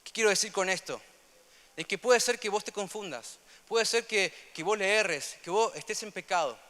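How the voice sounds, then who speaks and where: Young man, Rioplatense accent, preaching; high, sharp voice with a long reverb tail. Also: moderate pace. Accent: Rioplatense Spanish. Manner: earnest, repetitive, swings between loud emphasis and soft asides. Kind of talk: sermon.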